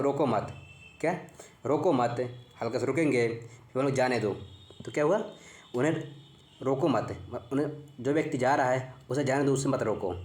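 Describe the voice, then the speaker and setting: Guy teaching grammar for exams, asks "which one?" then answers himself, kinda halting, echoey room. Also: mid-range voice, darkish tone. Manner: repeats key points as quiz questions to the viewer; halting, with frequent restarts. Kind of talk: exam-prep grammar lesson.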